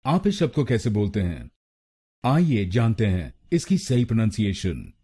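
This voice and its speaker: Man, pronunciation teacher, slow deliberate syllable drilling, dark husky voice, lively pitch. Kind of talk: scripted pronunciation lesson.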